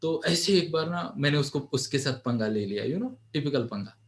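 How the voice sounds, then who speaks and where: A man giving a motivational storytelling talk to an audience, animated and engaging, often turning to the audience with questions. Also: on the high side, moderate pace. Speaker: motivational speaker and counselor.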